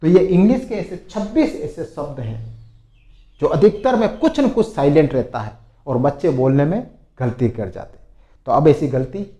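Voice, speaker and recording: Lively man teaching in an echoey room. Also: a little high, normal speed. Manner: lively, repeats words for emphasis. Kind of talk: spoken vocabulary lesson.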